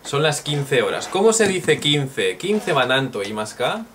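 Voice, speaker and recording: A man teaching a recorded language lesson, drilling phrases slowly and joking as he goes. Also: on the high side, big pitch swings, fairly bright tone. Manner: slow, repeats drill phrases, jokes and laughs. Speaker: Japanese teacher. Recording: distant mic with faint noise.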